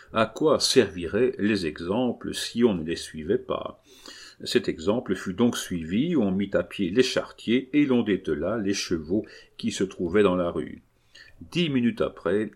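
A man reading a novel aloud in a measured, expressive narrating style. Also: lowish voice, husky. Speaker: audiobook narrator.

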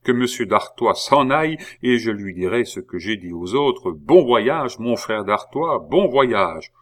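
A man voicing a calm, ironic king in an audiobook reading, humming and drawling before his lines. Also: medium pitch, a little slow. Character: King Louis XVI, calm, dry, ironic middle-aged man.

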